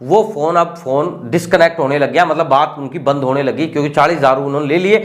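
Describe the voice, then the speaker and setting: A man's voice: a little high, fast. A man hosting a video channel, talking casually and straight to his viewers as he explains how a scam works. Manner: chatty, speaks straight to viewers. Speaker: YouTube channel host warning about scams.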